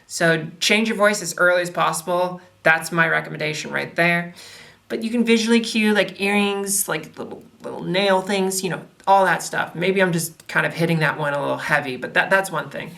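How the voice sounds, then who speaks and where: A woman with a slightly low-pitched voice talks straight to camera and gives advice. She speaks in a relaxed, reflective way and often pauses on a casual "like" as she gathers her thoughts. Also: gravelly, recorded from a distance. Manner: reflective, conversational, frequent "like" fillers. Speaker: vlogger giving advice.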